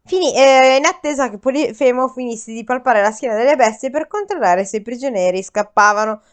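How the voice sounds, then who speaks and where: A woman's voice: on the high side, fairly quick, clean tone. A woman reading a myth aloud in a casual chat, breaking off for wry, teasing comments. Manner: wry, teasing comments between read passages. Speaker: podcast host reading a story aloud. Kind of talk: reading a story with casual asides.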